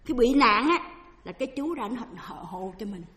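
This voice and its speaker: A Buddhist nun with a Southern Vietnamese accent tells a dharma talk as a personal story, her voice pitched a little high. She is chatty and acts out what others said, now and then slipping in English phrases. Her voice carries through an echoey hall with a long, lingering reverb. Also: animated, moderate pace, fairly bright tone.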